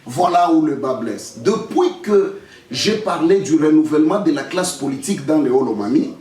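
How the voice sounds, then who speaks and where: Answering accusations in a press statement, a young Congolese lawyer and political candidate from the DRC speaks emphatically and defiantly in Congolese-accented French, repeating phrases for effect. His voice is on the high side with a darkish tone, lively intonation and a moderate pace, recorded from a distance in an echoey room.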